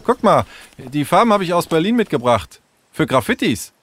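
Guy putting on a pushy bratty girl, way high, bouncy voice, dry close sound. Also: very animated, a bit bright, no room sound. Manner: pushy, quick-tempered. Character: bossy headstrong girl from the city.

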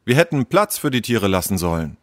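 A man's voice: fairly low pitch, big pitch swings, brisk, a bit bright, no echo, studio quality. A man voicing a grumpy, cautious young boy in a children's story. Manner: grumbling, doubtful.

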